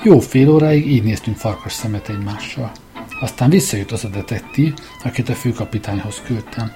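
A man giving a measured, scripted first-person narration of a story as an audiobook reader. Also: fairly low pitch, over music.

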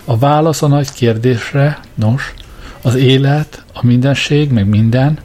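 A man reading the part of a vast male supercomputer that speaks with slow, grand dignity. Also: medium pitch, darkish tone, voice pushed up, lightly acted. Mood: solemn.

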